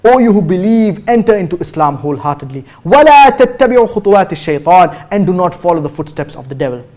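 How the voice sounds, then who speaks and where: Measured preacher with a higher voice. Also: male voice, big pitch swings, darkish tone. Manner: recites Arabic verses fast, then translates slowly with emphasis; formal, measured, cites chapter and verse numbers. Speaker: Islamic preacher answering viewer questions. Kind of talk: religious lecture.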